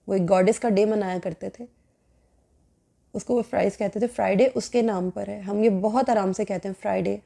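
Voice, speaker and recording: A woman's voice: medium pitch, creaky, dark tone. A woman Quran teacher giving a religious lecture in an earnest, admonishing way, repeating phrases for emphasis and mixing in English words. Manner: mixes English words into her talk.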